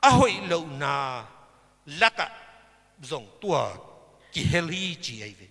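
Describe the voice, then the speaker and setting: A man preaching a sermon at a church service, slow and emphatic, with big swings in pitch and loudness. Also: big pitch swings, breathy edge, big-room sound.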